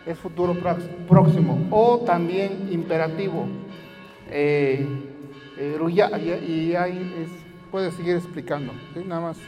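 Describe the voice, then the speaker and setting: Guy teaching a language workshop, kinda high voice, slow and halting, long hall echo. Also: dark tone. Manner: halting, repeats phrases, many fillers. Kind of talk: explaining grammar in a workshop. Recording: long hall reverb, faint music.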